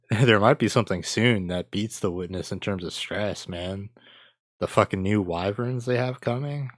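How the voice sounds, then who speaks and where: A man's voice: on the low side, normal speed, dry recording, studio quality. A man hosting a casual gaming podcast, easygoing as he chats and wraps up the show. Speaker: podcast host. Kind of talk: casual chat.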